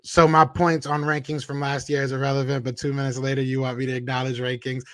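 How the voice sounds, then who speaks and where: Philly guy hosting a live sports stream, loud and jokey, dry mic. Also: mid-range voice, quick pace, no room sound. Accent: Philadelphia. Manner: animated, trash-talking, reads chat comments aloud. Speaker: podcast host. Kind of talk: casual live-stream chat.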